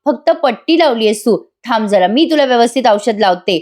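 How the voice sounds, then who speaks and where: A woman's voice: on the high side, lively intonation, a little fast, a little mellow, lightly acted. A woman voicing a sugary, taunting young meddler. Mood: mock-sweet. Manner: sugary, mock-sympathetic, teasing.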